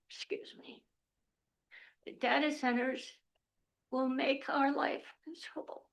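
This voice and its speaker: An older woman giving a public comment at a county meeting, upset and halting, her voice shaking as she pleads and apologizes. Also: high-pitched, steady tone, gravelly. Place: county commission meeting room.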